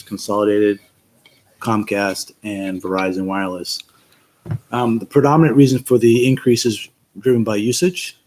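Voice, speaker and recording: Low-voiced man explaining a budget. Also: a little mellow, slight background noise, low-quality recording. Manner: methodical, explains line items with filler ums. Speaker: town IT director presenting budget. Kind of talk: budget presentation at a meeting.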